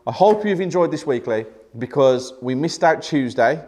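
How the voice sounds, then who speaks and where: A man's voice: a little high, expressive, normal speed, a little mellow. A young man, a property developer, talking upbeat and direct to viewers in a casual vlog at his office. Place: office headquarters, indoors.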